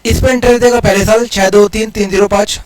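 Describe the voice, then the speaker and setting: A high-voiced man talks through a maths problem like a casual lesson. He explains each step aloud and rattles off digits as he works. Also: fairly even intonation, poor audio. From India. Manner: chatty, explains steps aloud, counts digits quickly. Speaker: maths teacher. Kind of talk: casual exam-prep lesson.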